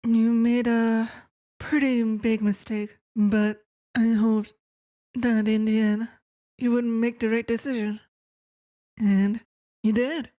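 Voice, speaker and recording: A sweet, eerily obsessive yandere wife played by a woman in a soft ASMR ASMR role-play. Her voice is fairly high yet mellow and very even, with slow, deliberate phrasing. She sounds calm, controlling and possessive, recorded close and dry. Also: dry recording.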